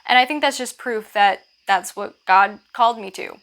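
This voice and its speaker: Bright-voiced woman with a slight lisp from a retainer. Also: medium pitch, moderate pace. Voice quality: lisp from wearing orthodontic aligners or a retainer. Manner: informal, chatty, self-deprecating. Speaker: vlogger and channel host. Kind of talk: casual advice chat to camera.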